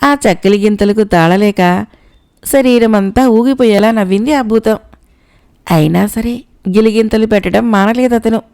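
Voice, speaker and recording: A woman reading a folk tale aloud in an even, expressive storyteller's manner. Her voice sits fairly high and carries a gravelly, fry-laced texture. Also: measured pace. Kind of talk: audiobook folk tale narration.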